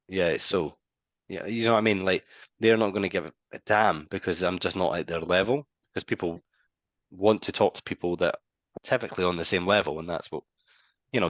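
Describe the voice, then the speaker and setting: A man on a podcast, telling stories in a casual, animated way and acting out phone calls. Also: sits low, no room sound, highs cut off. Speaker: podcast co-host.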